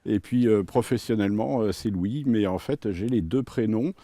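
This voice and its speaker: A man in his sixties, born in France to Italian parents, talks calmly as an interview guest, with frequent hesitations. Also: lowish voice, normal speed, no room sound. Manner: relaxed, hesitant with many fillers. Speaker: company co-founder, guest. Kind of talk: casual interview talk.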